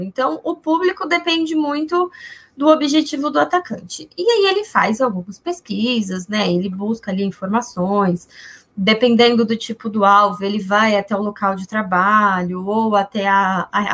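A woman's voice: mid-range voice, a bit bright. A woman with a Brazilian accent speaking as a guest expert, explaining things informally and in simple terms.

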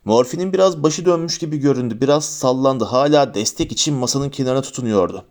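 Man, audiobook narrator, fantasy novel, steady expressive reading, mid-range voice. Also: mid-range voice, fast talker.

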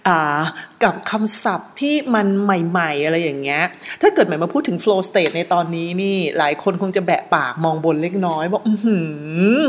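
A woman's voice: on the low side, lively intonation, normal speed, hardly any pauses, big-room sound, slight background noise. A woman in her forties hosting a solo podcast, chatting directly to her listeners in a casual way and laughing often. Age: 40s. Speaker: podcast host.

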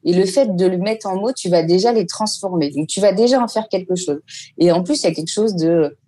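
Mellow-voiced woman explaining calmly. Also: lowish voice, fairly quick. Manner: explains step by step with frequent hesitations. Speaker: teacher giving mindfulness advice. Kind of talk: casual conversational explaining.

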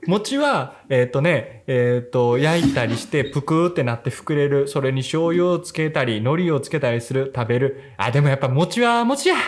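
A man with a Kansai accent co-hosting a casual chat, animated and quick to laugh, often repeating himself. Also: medium pitch, noisy background. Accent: Kansai dialect. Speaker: podcast co-host.

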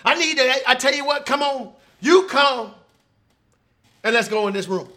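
A man preaching, voicing Jesus in a soft, low, reassuring tone. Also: animated, moderate pace, exaggerated voice. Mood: firm. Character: calm, gentle, fatherly Jesus.

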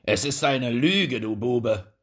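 A man reading a fairy tale, voicing a proud, hot-tempered duke in a loud, pompous, commanding voice. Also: medium pitch, lively intonation, unhurried, slightly rough, full character voice. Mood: furious.

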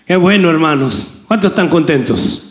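A man's voice: fairly high pitch, lively intonation, normal speed. A man preaching and praying before a congregation, fervent and rhetorical, often asking them to repeat after him. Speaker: pastor. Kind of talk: sermon with prayer and call-and-response. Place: church sanctuary. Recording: echoey church hall.

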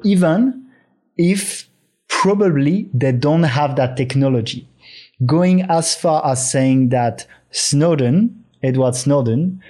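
A man's voice: mid-range voice, darkish tone. A man hosting a conversational interview, speaking in a reflective, tentative way. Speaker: show host interviewer.

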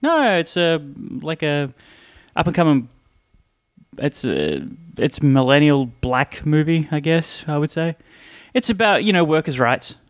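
A man's voice: fairly high pitch, very animated, measured pace, clean tone. A man co-hosting a podcast in casual, blunt chat, swearing freely. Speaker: podcast co-host.

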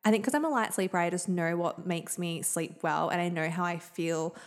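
A young woman hosts a podcast in a relaxed, chatty way, full of "like" and "um". Her voice sits a little low for a woman. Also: fairly quick. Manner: chatty, lots of "like" and "um". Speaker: podcast host. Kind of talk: casual chat.

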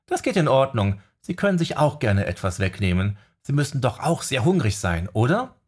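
A man's voice: mid-range voice, very animated, normal speed, breathy edge, pitched above the performer's own voice. A man doing a sardonic young necromancer woman. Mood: teasing. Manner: sardonic, exasperated.

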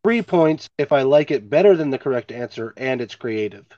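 A man with a stuffy nose hosts a laid-back podcast from home, chatting casually and swearing freely. His medium-pitched, expressive voice has a dark tone and moves at a normal pace. The remote home mic picks up no echo, but the highs are cut off.

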